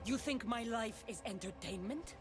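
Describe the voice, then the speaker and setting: A woman's voice: a little high, normal speed, music in the background, natural voice. An actress playing a tough, defiant female mercenary in a video game, speaking bluntly and with menace. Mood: angry, defiant.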